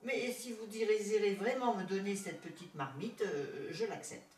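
A woman's voice: medium pitch, measured pace, a little mellow, natural voice. A woman voicing a kind, poor young girl who is timid and eager. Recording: roomy echo, distant mic.

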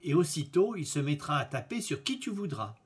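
Man playing an old fairy woman, kindly, solemn, hushed, slow, husky. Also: fairly high pitch, very animated, heavily acted.

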